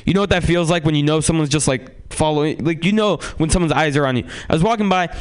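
Rambling, profane stand-up comic. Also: male voice, fast, clear, resonant tone. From San Francisco, USA. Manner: rambling, profane, swings between loud outbursts and low mutters. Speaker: stand-up comedian. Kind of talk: stand-up comedy set.

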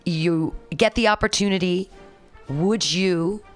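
A woman's voice: fairly low pitch, slow pace, faint music behind. Frank, crude-joking woman in her forties. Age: 40s. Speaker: podcast co-host. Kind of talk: casual chat.

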